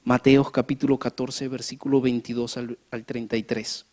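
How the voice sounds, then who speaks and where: Preacher mid-sermon, animated storyteller, rhetorical questions to the congregation. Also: medium pitch, normal speed. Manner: acts out scenes with rising emphasis. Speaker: pastor. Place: church.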